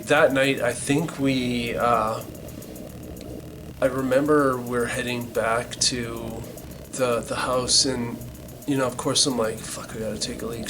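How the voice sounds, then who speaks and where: Over background music, a middle-aged band member casually recalls how the band began, rambling, swearing a lot and often restarting. His voice is medium-pitched and the recording quality is low.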